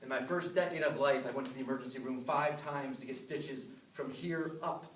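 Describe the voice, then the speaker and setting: A roomy, distant recording with faint noise carries an American man's voice, pitched a little high. He performs a memorized humorous speech as a rehearsed storyteller, setting up self-deprecating lines with deliberate pauses. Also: fairly even intonation, a bit bright. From upstate New York, USA. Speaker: contestant giving a humorous club speech. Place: live speech in a room.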